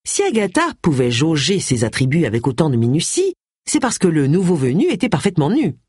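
Expressive audiobook narrator, husky voice. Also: medium pitch, brisk, no room sound, clean studio sound. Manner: expressive, varied. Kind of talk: scripted narration.

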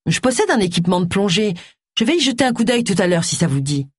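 A woman's voice: medium pitch, very animated, fast, husky, dry recording, clean studio sound, pitched above the performer's own voice. A woman voicing an eager, helpful young male detective who talks in a keen, offhand way.

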